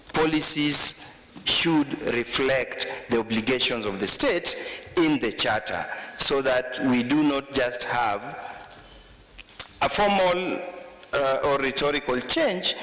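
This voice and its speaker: A man giving a formal, deliberate legal submission for the applicants. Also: medium pitch, bright, forceful tone. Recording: echoey hall with long reverb.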